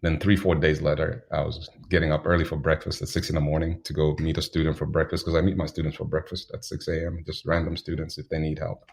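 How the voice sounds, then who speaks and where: A man from Zambia, a guest telling stories in a relaxed interview, unhurried and anecdotal, chuckling now and then. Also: extremely low pitch, creaky. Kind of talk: reflective storytelling in an interview.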